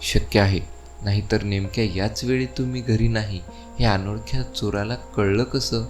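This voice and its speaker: A gossipy neighbour blurts out remarks nobody asked for, as a man reads the part. The low voice carries over faint music. He sounds eager and talkative. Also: fairly even intonation, normal speed, natural voice.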